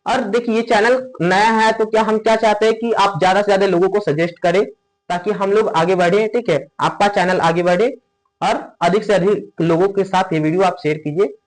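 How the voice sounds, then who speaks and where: High-voiced grammar teacher. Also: male voice, steady tone, rough recording. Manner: asks rhetorical questions and answers them himself, repeats "ठीक है"; stretches sounds out slowly when demonstrating pronunciation. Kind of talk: classroom explanation.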